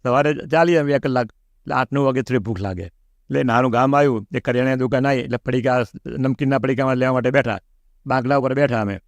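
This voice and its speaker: A middle-aged man, an interview guest, telling a personal pilgrimage story in an animated way and acting out the lines he quotes. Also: mid-range voice, fast, no room sound. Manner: animated, acts out quoted speech.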